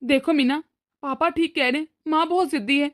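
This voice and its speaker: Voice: high voice, steady tone, brisk, fairly bright tone. A voice actor playing an anxious young husband and son in a cartoon, torn between wife and mother. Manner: pleading, anxious. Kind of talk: cartoon voice acting.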